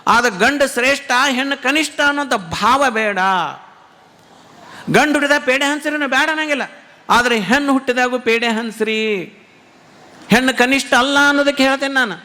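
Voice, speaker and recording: A man with a North Karnataka Kannada accent delivers a sermon in a very high, bright, forceful voice. He hammers his points home with repeated rhetorical questions, and his voice rings out with a long hall reverb. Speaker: religious teacher giving a discourse.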